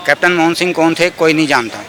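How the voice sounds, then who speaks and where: Man, somewhat high voice, bright, lecturing tone, street debate outdoors. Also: fast talker, a faint crowd. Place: busy city street outdoors.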